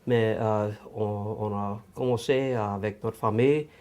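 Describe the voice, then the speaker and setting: A middle-aged man with a fairly low voice. He answers interview questions as a school administrator, measured and halting, pausing often as he goes. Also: steady tone, dark tone. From Louisiana, United States. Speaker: school assistant principal. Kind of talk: interview talk.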